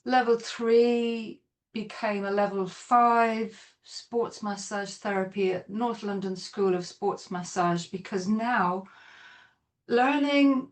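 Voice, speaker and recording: A woman's voice: mid-range voice, steady tone, takes it slowly. A middle-aged woman with a Dublin accent, chatting as a podcast guest, rambling with restarts. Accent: Irish, Dublin. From Ireland. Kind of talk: podcast interview.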